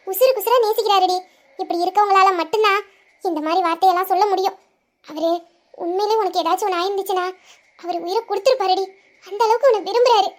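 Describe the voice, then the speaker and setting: A woman doing a giggly, high-voiced young friend. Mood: earnest. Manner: animated, giggly retelling. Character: chatty young woman, the patient's caring friend. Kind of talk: amateur audio drama.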